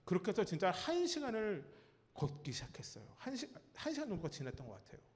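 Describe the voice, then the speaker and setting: A male pastor delivers a storytelling sermon in a church sanctuary, his fairly high voice rising and falling in wide swings. He pauses to put questions to the congregation and dramatizes the moments of his story. A long reverb trails behind every phrase. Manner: animated storytelling, acts out cries and quotes.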